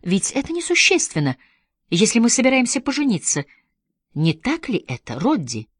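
Woman voicing a composed, wounded young woman, slightly low, dry read. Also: very animated, normal speed, no room sound. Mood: pleading. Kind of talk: audiobook reading.

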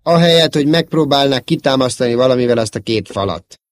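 A man's voice: medium pitch, lively intonation, vocal fry, no echo, studio quality. A man voicing a young princess who talks in a scolding, imperious way. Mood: commanding. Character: young princess, commanding and sharp-tongued.

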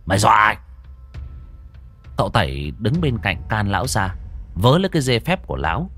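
A man's voice: on the low side, huge pitch swings, a little fast, faint music behind. A man narrating a ghost story with vivid, dramatic telling.

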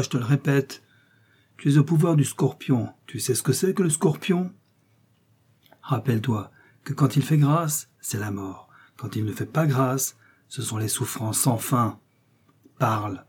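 A burly, brutal captain snarls his threats in a warm, husky voice, as a male reader puts him on. He sneers at his captive with cold menace, a figure straight out of a storybook adventure. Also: mid-range voice, measured pace. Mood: menacing.

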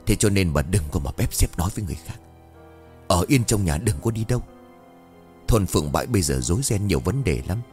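Weary old village chief, scared but dutiful, low hushed delivery, read by the narrator, ghost-story audio. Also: male voice, expressive, a little fast, soft background music. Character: older village head, frightened but dutiful.

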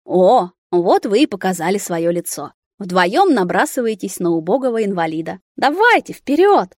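A woman reading an audiobook, voicing a sarcastic, bitter young man in a wheelchair who shouts at his parents. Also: fairly low pitch, animated, normal speed, no room sound, studio quality. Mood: bitter, shouting.

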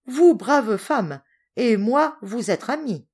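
Woman voicing a big blunt sailor, forties, loud broken pidgin, storybook. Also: big pitch swings, slow, husky, heavily acted. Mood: friendly. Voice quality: broken pidgin French, booming. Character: burly sailor man in his forties, hearty and blunt.

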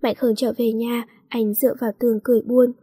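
A woman narrating a romance story in a steady storytelling voice. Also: fairly high pitch, fast, husky. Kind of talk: audiobook story reading.

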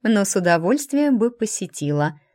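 A woman's voice: medium pitch, sing-song, normal speed, voice pushed up, natural voice. A woman voicing a friendly but bossy hospital doctor in an audiobook, teasing one moment and commanding the next. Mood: friendly, curious. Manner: warm and teasing, turns stern and commanding.

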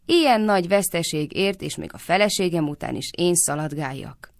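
A woman voicing a young cowherd husband who complains and is slow to catch on. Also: fairly low pitch, dry recording, studio quality, natural voice. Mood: grumbling. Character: dim-witted young cowherd husband, grumbling.

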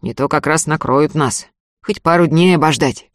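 A woman reading aloud voices a gruff, hungry teenage peasant boy who mutters hoarsely through his teeth. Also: deep voice, moderate pace, dry recording, clean studio sound, lightly acted. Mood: sullen.

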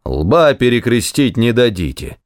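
A man's voice: mid-range voice, big pitch swings, measured pace, no echo, studio quality, pitched above the performer's own voice. A man voicing a stern, curt military governor who dismisses complaints angrily. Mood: angry.

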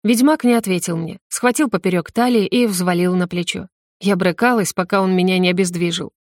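A woman reading a first-person fantasy novel aloud in a steady, clear storytelling manner. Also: on the low side, brisk, dry recording, clean studio sound. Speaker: audiobook narrator.

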